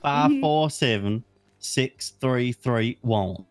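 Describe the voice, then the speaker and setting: A man's voice: medium pitch, extremely slow, clean tone. A man playing a police superior in a roleplay, stern and scolding, swearing casually. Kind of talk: in-character roleplay banter.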